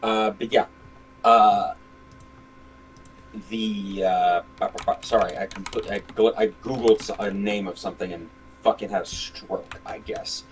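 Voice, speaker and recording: A man's voice: lowish voice, fairly even intonation, unhurried, a little hiss or hum, rough recording. A man running a tabletop game as game master, narrating scenes with many fillers and restarts.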